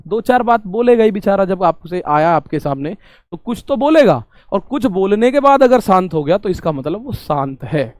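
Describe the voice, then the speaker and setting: In a dry recording, a high-voiced man leads an online math class for exam students. He keeps it casual, echoing their questions back to them and using everyday examples to explain.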